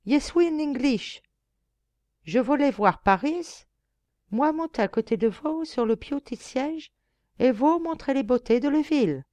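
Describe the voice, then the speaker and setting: A woman's voice: low-pitched, sing-song, measured pace, dark tone, no echo. A woman doing a scheming young reporter. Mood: mock accent. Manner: musing, then mock foreign-accented.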